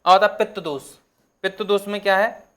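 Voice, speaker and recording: A young man teaching an exam-prep lesson, repeating each term slowly so students can write it down. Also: sits high, fairly even intonation, fairly bright tone. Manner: repetitive, dictating terms slowly for notes.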